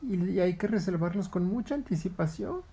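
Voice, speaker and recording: Guy putting on a sleepy croaky heron lady, high and husky, patient storybook voice. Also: expressive, a little fast, warm tone. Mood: drowsy patient. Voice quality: hoarse, drowsy. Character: sleepy hoarse female heron.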